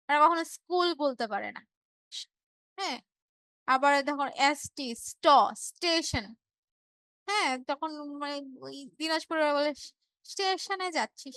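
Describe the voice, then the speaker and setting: A woman's voice: high voice, sharp tone, no echo. A woman teacher from Bangladesh giving an online revision class, explaining patiently, repeating key words and checking in with her students.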